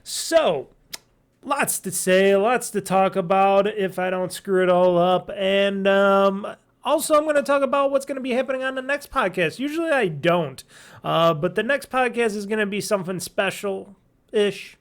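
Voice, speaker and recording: A man's voice: high voice, normal speed. A man hosting a casual solo gaming podcast from his home office, with a nasal voice, rambling and joking at his own expense. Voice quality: self-described nasal voice. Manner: rambling and jokey, laughs at himself. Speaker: podcast host. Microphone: desk mic at home office.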